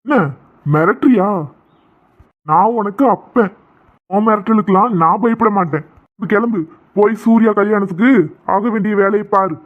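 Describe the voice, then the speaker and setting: A man's voice: high-pitched, normal speed, long pauses, close to an everyday voice. A man voicing a proud, stubborn, wealthy middle-aged father who talks in a scornful, dismissive way. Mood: defiant. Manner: scornful, dismissive, turning to sharp alarm. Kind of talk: Tamil cartoon voice acting. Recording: tinny phone-like lo-fi audio.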